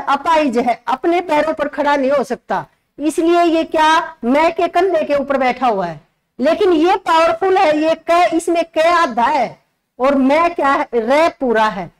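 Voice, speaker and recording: A woman teaching a grammar lesson for exam prep, with a slight tinge, explaining slowly and repeating key words for her students. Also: high-pitched, poor audio.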